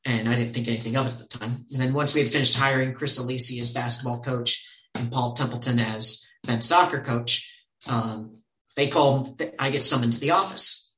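Man, podcast guest, animated storyteller, bright tone, echoey room. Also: medium pitch, fairly quick. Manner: animated, quotes others in lively voices. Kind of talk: casual storytelling.

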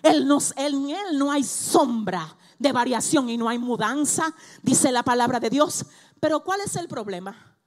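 A woman preacher, giving a sermon that moves from quiet teaching to loud, fiery exhortation in church. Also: sits high, expressive, measured pace.

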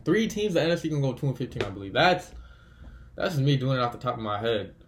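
A man's voice: medium pitch, big pitch swings, quick pace, slight background noise. A man hosting a casual solo sports podcast, bluntly trash-talking teams and thinking aloud as he tallies win-loss records. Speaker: podcast host.

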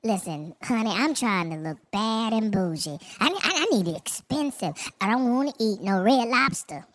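Man doing a sassy bougie woman, high swooping voice, exaggerated drawl. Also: expressive, normal speed, a bit bright. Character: sassy bougie woman wanting expensive things.

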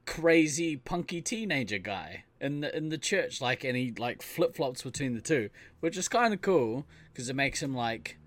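A man's voice: mid-range voice, animated, moderate pace, few pauses. A man co-hosting a casual podcast chat, laughing often and quoting film lines. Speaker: podcast co-host.

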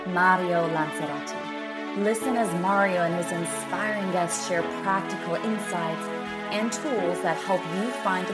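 A woman reading a scripted promotional podcast introduction as an announcer, with music behind her. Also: lowish voice. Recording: loud music bed under voice.

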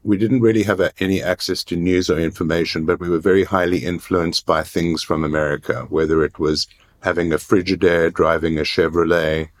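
Man, 60s, born in South Africa, very low voice, measured podcast interview answers. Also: fairly even intonation. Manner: measured, plain-spoken, with small restarts. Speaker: guest, art residency founder.

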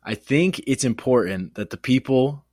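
A man's voice: mid-range voice, normal speed, a little mellow, no echo, clean studio sound. A man co-hosting a casual sports podcast, teasing his partner and swearing casually. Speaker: podcast co-host.

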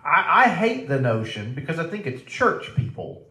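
A man's voice: a little high, big pitch swings, normal speed, sharp tone, echoey room. A man from Mississippi with a Southern accent, co-hosting a casual faith talk show and reading out viewer comments in an easygoing way. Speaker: co-host.

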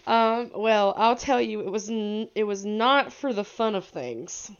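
A woman's voice: mid-range voice, animated, measured pace, clear, resonant tone, dull audio. A young woman from the American South with a Southern accent, co-hosting a podcast and telling a story in a rambling, giggly way. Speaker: podcast co-host. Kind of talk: casual chat.

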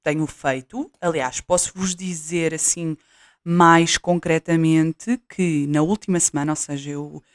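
In a casual home vlog, a young vlogger with a European Portuguese accent tries a cheap new USB mic, moving it as she talks. Her low voice is measured, with fairly even intonation, and the sound is studio quality with no echo. Her chatter is scattered, with frequent fillers and restarts.

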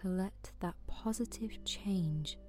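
A woman guiding a sleep meditation in a soft, soothing voice that often drops to a whisper. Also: mid-range voice, takes it slowly, faint music behind. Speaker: meditation guide.

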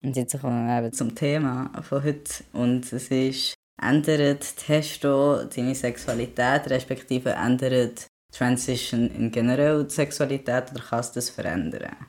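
A man's voice: medium pitch, fairly even intonation, measured pace, a little mellow, no room sound. A man with a Swiss German accent talking in a casual vlog monologue, chatty and mixing in English words. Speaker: vlogger.

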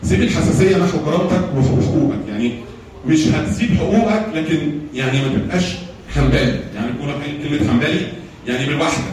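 A man with an Egyptian Arabic accent gives a church lecture on handling anger, rattling through his points at high speed. He keeps putting rhetorical questions to his listeners and repeating key phrases. He is recorded from far off in a very echoey room. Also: expressive, fast talker, darkish tone. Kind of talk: talk on anger management with slides.

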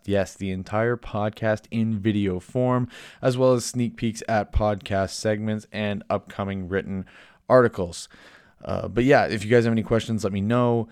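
A man's voice: lowish voice, darkish tone, clear, resonant tone, no echo, studio quality. A man in his twenties with a Canadian accent hosting a casual solo sports podcast in a chatty, informal, playfully self-deprecating way. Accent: Canadian English. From Ontario, Canada. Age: 20s. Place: basement den at home.

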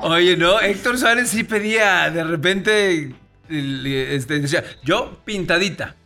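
A man's voice: a little high, slow pace, music in the background. A man with a Mexican accent co-hosting a casual studio talk show, joking and telling stories. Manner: joking, storytelling. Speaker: co-host.

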